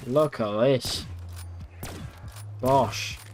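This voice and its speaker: A man's voice: mid-range voice, extremely slow, darkish tone. A young man chatting casually and rambling, with some swearing, as he streams a game on a microphone at his PC. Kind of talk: casual livestream gaming chat. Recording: music behind the voice. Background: music.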